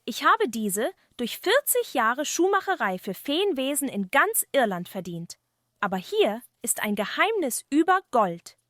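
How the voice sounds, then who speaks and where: A proud, kindly little leprechaun shoemaker, acted out by a woman in a fireside story. He is high-voiced and courteous, with swooping, earnest speech and a very dry sound. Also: big pitch swings, measured pace, a bit bright, no room sound, heavily acted.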